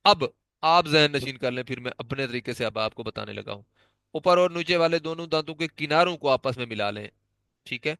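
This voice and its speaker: A man with a medium-pitched, animated voice that sounds pushed, bright, and clean patiently teaches Quran recitation. In this dry-recorded pronunciation lesson, he explains letter sounds and demonstrates them over and over.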